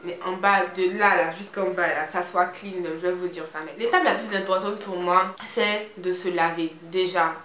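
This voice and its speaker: A woman's voice: fairly low pitch, fairly even intonation, moderate pace, few pauses, fairly bright tone. A young woman from Côte d'Ivoire speaking with an Ivorian French accent, chatting frankly and animatedly to viewers in a beauty vlog. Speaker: beauty vlogger. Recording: roomy echo with faint hiss.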